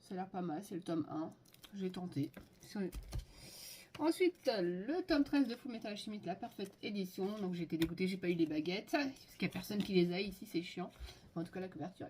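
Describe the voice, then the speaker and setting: A woman's voice: mid-range voice, slight background noise. Chatty French-speaking woman vlogger. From France. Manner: enthusiastic, listing items with many fillers. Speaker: manga haul vlogger. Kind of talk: casual haul video chat.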